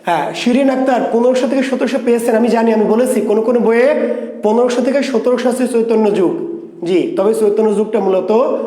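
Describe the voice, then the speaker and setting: A man leads an online exam prep class, his voice high yet warm and soft at the edges. He stretches out key terms, repeats them, and poses questions that he answers himself. The sound carries the echo of the room around him. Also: a little fast.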